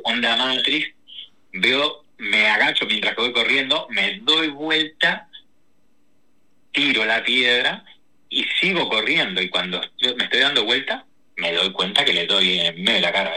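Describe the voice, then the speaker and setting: An adult man tells personal stories as a guest. His voice sits low but rings hard and bright. He talks in quick bursts full of slang and restarts. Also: low-quality recording. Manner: animated, rushes through stories with slang and restarts. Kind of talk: casual personal storytelling.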